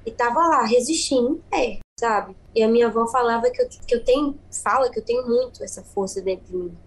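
A young adult woman with a Paraíba northeastern Brazilian accent, born in Bahia and raised in Paraíba, talks earnestly as a singer-songwriter guest in a radio podcast interview. Her voice is a little high, brisk, and husky, and she often repeats words for emphasis. The recording is rough.

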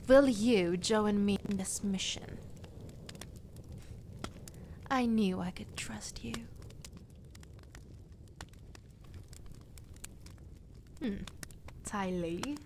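A woman playing a scheming, commanding young princess in an ASMR roleplay, speaking in a measured, conspiratorial manner to the listener. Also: medium pitch, a little mellow, natural voice. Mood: conspiratorial, wary. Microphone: close binaural microphone. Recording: clear background ambience noise. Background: crackling fire and night ambience.

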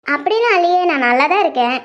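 Brief: woman playing a frightened teenage girl, very high and small, hesitant, dull lo-fi sound. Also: expressive, quick pace, fairly bright tone. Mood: subdued. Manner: hesitant, pleading. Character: timid teenage girl, anxious younger sister. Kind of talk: web-series horror drama acting.

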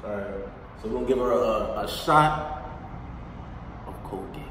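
A man's voice: lowish voice, unhurried, a bit bright. A man in his twenties who speaks with braces, bantering casually and teasingly as a vlogger. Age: 20s. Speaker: vlogger hosting challenge video. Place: large bare room indoors. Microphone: camera a few feet away. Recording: echoey hard room, distant mic, background noise.

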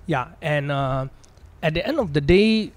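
A man with a Malaysian accent explains things in a casual, practical way. His voice is a little high and comes through close and very dry on a podcast mic. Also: expressive, unhurried, no room sound. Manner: practical, plain-spoken. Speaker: financial planner, podcast guest.

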